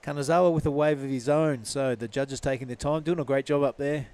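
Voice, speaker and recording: A man's voice: medium pitch, fairly even intonation, brisk, darkish tone, clear, resonant tone, dry recording. A man giving live surf contest commentary in a laid-back, casual surfer announcer manner.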